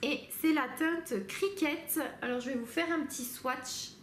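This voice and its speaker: A woman's voice: sits high, measured pace, slight background noise. A woman beauty vlogger casually reviewing her favourite products, talking with many fillers and restarts. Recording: echoey room with faint ambience.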